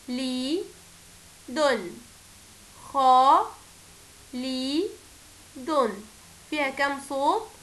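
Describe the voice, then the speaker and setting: A woman with an Egyptian Arabic accent teaching a recorded first-grade lesson, stretching syllables slowly for children to repeat and praising them often. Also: high-pitched, sharp tone, poor audio.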